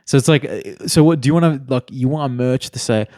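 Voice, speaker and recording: A young Australian man co-hosting a casual podcast chat, talking in an animated, rambling way with lots of bro and mate. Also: mid-range voice, a little fast, no room sound, clean studio sound. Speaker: podcast co-host.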